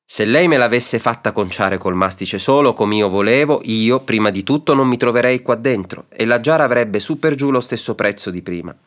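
A man's voice: mid-range voice, moderate pace, hardly any pauses, a bit bright, lightly acted. A man doing a sly, placid old pot-mender. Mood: grumbling. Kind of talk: audiobook reading of a classic story.

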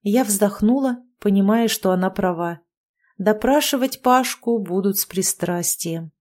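A woman narrating a first-person audiobook in an even storytelling manner. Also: medium pitch, measured pace.

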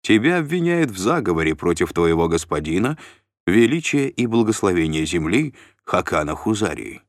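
A man's voice: sits low, big pitch swings, moderate pace, dry recording, clean studio sound. A man voicing a male guard commander who speaks formally, courteous yet firm, in an audiobook reading.

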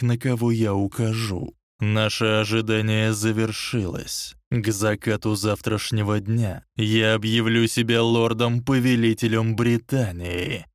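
A man voicing a cold, menacing dark lord who speaks low and slow. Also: no room sound, clean studio sound, close to an everyday voice.

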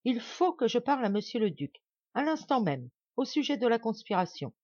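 Brief: woman reader as a desperate heroine, clipped and icy, lively pitch, audiobook. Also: moderate pace, no room sound, dull audio. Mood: urgent. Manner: cold, clipped. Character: proud young woman, cold and desperate.

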